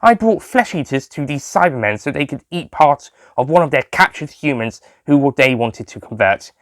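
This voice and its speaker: A man's voice: mid-range voice, lively intonation, normal speed, no echo, studio quality, voice pushed up, lightly acted. A man voicing a smug, scheming alien villain with a volatile temper, gloating theatrically in a sci-fi audio story.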